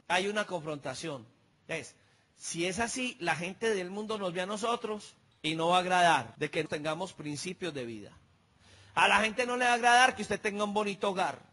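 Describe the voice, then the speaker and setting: High, bright-voiced preaching man. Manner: storytelling preacher acting out dialogue, rising emphatic peaks. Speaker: pastor. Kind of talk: sermon.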